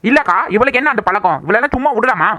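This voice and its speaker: A woman voicing a chatty, bossy young village woman in a cartoon, talking fast and scolding. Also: a little high, animated, pushed and bright, dry recording. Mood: accusing. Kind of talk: cartoon voice acting.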